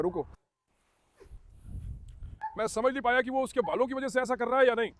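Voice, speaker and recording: A man's voice: high voice, a bit bright. A man talking casually to his dogs and viewers on his farm, coaxing and scolding them and calling them son.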